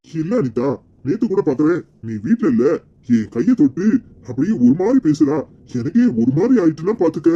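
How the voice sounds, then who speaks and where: A man's voice: fairly high pitch, big pitch swings, moderate pace, dark tone, slightly rough, muffled recording. A man voicing a scheming middle-aged village uncle in a cartoon comedy, with a Kanyakumari Tamil accent and a sly, tattling manner. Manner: sly, tattling, self-righteous.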